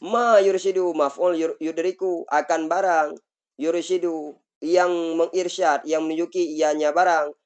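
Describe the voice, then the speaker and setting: This middle-aged man speaks with an Acehnese accent and teaches religion, reading Arabic phrases at a slow pace before explaining them in a study lesson. His pitch is on the high side, and his tone is steady and clean.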